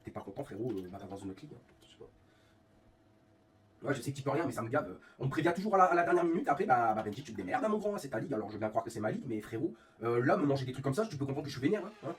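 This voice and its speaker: A man's voice: medium pitch, distant mic, crowd noise. A man from France, a streamer and league organizer sick with a fever, ranting angrily and swearing constantly. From northern France. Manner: fuming, swearing constantly, rapid and animated. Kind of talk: angry live-stream rant. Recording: faint room ambience, off-mic.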